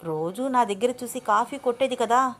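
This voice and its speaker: A woman's voice: on the high side, moderate pace, close to an everyday voice. Woman doing a cheerful young schoolgirl sister. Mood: curious. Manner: light, curious. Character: cheerful young female student, sister-in-law.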